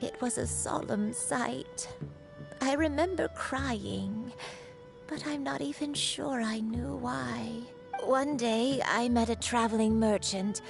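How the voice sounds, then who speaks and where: A woman voicing a frail, forgetful old grandmother, reading game dialogue in a slow, sorrowful way. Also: a little high, over music. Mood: wistful. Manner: slow, sorrowful, gravelly storytelling.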